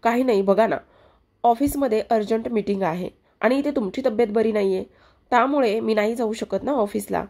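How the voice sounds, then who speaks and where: A woman's voice: fairly high pitch, a little fast, a little mellow. A woman reading the lines of a protective young husband who refuses to leave his sick wife. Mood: firm. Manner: firm, protective. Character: young husband, caring and stubborn.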